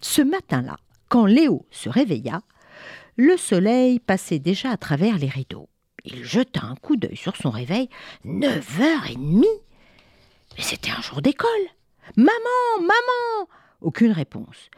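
A woman narrating a children's story, animated and speaking straight to young listeners. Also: medium pitch, measured pace, husky, dry recording, studio quality.

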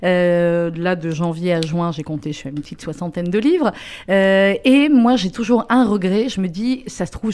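A woman, a radio columnist, giving a talkative, lively book recommendation on the air. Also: lowish voice. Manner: lively, talkative, animated storytelling.

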